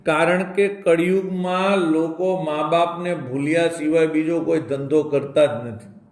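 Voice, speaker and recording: A man's voice: fairly high pitch, steady tone, measured pace. Impassioned man, echoey room. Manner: storytelling, acting out a mother's gentle replies; addresses listeners as "saheb" and urges them directly. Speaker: moral speaker. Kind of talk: emotional moral talk to an audience.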